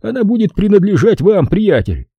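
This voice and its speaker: A man reading an audiobook, voicing a cold, domineering male casino boss who speaks calmly and curtly. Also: high-pitched, moderate pace, slightly rough, no room sound, highs cut off, voice pushed up, full character voice. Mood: menacing. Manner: calm, menacing and curt.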